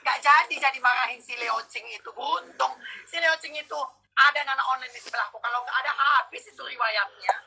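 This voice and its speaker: Woman, loud dramatic gossip storyteller, piercing tone, phone-line sound. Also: high voice, brisk, breathy edge. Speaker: social media personality. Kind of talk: casual gossip chat.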